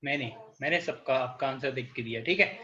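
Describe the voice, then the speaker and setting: A man's voice: medium pitch, a little fast, bright, forceful tone, highs cut off. A man with an Indian accent teaching a biology class, mixing Hindi with English and putting questions to his students. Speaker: biology tutor. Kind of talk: online class lecture.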